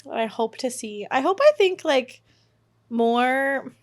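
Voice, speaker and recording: A woman's voice: high voice, takes it slowly. A woman in her twenties co-hosting a podcast, chatting casually and telling stories with easy laughs. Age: 20s. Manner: animated storyteller, laughs easily. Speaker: podcast co-host. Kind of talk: casual chat.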